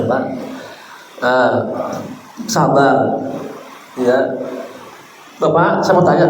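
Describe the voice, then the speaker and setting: Slow, conversational preacher in an echoing hall. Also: male voice, fairly high pitch. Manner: conversational, asks the congregation questions; keeps addressing listeners as sir. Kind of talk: sermon. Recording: echoey hall with faint background noise.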